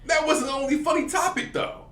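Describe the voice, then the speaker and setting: A man's voice: extremely high pitch, fairly quick, sharp tone. A man co-hosting a casual podcast, joking and defending himself, cursing freely. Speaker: podcast co-host. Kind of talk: casual chat. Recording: roomy, distant mic, faint hiss.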